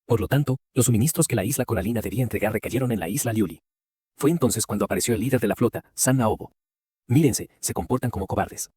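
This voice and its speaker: A man giving a scripted first-person story narration with a brisk, even storytelling read. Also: on the low side, slightly rough, no echo, studio quality.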